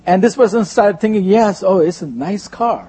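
A man who speaks Gujarati natively and has an Indian accent preaches in short phrases, pausing so an interpreter can follow. His husky voice sits high and sounds mellow.

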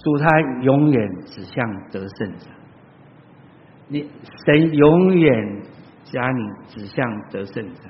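A man preaches in a church hall, telling stories to the congregation. His voice swings from loud exclamations to soft, low asides. The sound is muffled and lo-fi, with a long reverb trailing after each phrase. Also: expressive, slow. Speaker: pastor. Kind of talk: sermon.

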